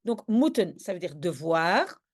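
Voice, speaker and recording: Husky and fairly low-pitched, with big swings in pitch and a slightly slow pace, this woman's voice carries a video grammar lesson. She's a language teacher and native Dutch speaker who explains things patiently in steps, frequently checking that listeners follow.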